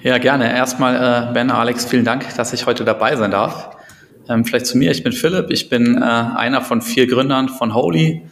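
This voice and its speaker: A man's voice: mid-range voice, steady tone, moderate pace, vocal fry, a bit bright, a little hiss or hum. A middle-aged man from Berlin, a company co-founder, talking hesitantly with many fillers in a casual interview. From Berlin, Germany. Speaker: co-founder guest. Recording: echoey room with long reverb.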